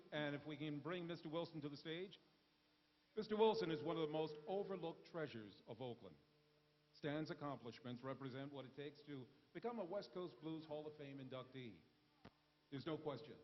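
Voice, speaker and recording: A man announcing inductees from the stage as emcee. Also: fairly high pitch. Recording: echoey hall, lo-fi, hiss.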